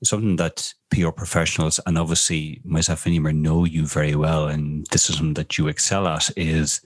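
A man co-hosting a conversational interview, speaking haltingly and building long sentences piece by piece. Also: rumbling low, level tone, no echo. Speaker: podcast host, social media professional.

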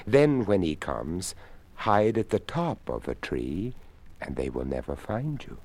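A man voicing a polite, courtly old skeleton who speaks formally and gently. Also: low-pitched, very animated, measured pace, full character voice. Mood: courteous.

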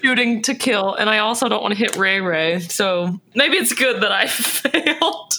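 A woman with a bright, forward voice plays a tabletop game. She chats casually and conversationally. Faint noise sits behind her. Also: mid-range voice, expressive, moderate pace.

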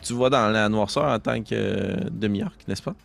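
A man's voice: lowish voice, moderate pace, creaky, soft background music. A young man narrating a tabletop game as game master, with vivid storytelling and sound effects.

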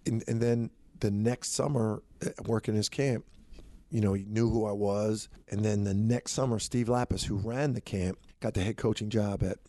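A man's voice: lowish voice, moderate pace, no echo. A middle-aged man, a basketball coach, telling stories in a conversation and acting out what others said. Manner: animated storyteller who acts out quotes. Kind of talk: storytelling in a conversation.

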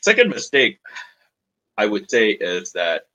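This is a Malaysian startup founder in his thirties, speaking frankly in an interview and wandering a little, often repeating words while he thinks. His lowish, pushed, bright voice swings hugely in pitch at a measured pace, captured on dull audio.

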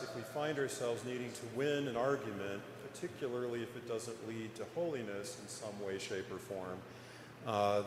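Echoing church sermon from a man. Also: lowish voice. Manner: conversational, hesitant, pausing often. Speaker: preacher giving a parish sermon. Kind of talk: informal explanatory sermon. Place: large echoing church interior. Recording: echoey reverberant church, noticeable background noise.

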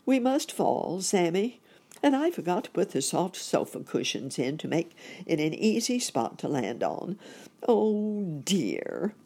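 Woman as Uncle Wiggily, a jolly husky rabbit gentleman. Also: fairly low pitch, sing-song, pitched above the performer's own voice, heavily acted. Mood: dismayed. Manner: genial, unhurried, old-fashioned phrasing.

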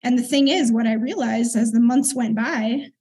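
Her voice is breathy, a touch husky, slightly higher than typical, and dark in tone as this middle-aged American guest recounts her story in an interview at a moderate pace. She speaks earnestly and reflectively, now and then clearing her throat.

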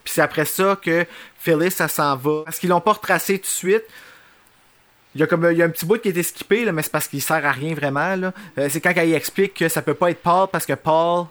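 A man chimes in on a podcast about a horror film, blunt and full of slang. His voice is somewhat high and bright with a forward edge. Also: a little fast. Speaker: podcast co-host. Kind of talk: casual chat about a film.

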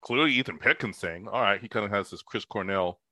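A man in relaxed conversation with a bright, forceful tone. He is animated and laughs easily, and his voice sounds close and dry, with no room echo. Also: lowish voice, fairly quick. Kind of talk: casual chat.

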